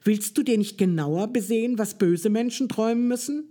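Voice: mid-range voice, moderate pace, dark tone, close to an everyday voice. A reader voicing a kindly, playful king of dreams in a storybook reading. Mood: reassuring. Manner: friendly, teasing storyteller.

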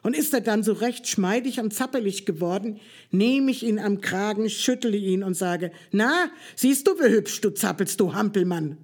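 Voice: mid-range voice, lively intonation, normal speed, darkish tone. A reader doing a gloating cruel giant. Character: hideous grinning male giant, gleeful and cruel. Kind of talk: storybook reading.

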